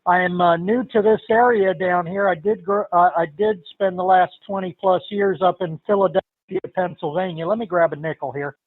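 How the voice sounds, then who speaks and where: An older man checking in to an amateur radio net, talking in a relaxed, rambling, hesitant way, heard through a tinny narrow-band radio transmission. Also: sits high, normal speed, dry recording. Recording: tinny, dry radio-link audio.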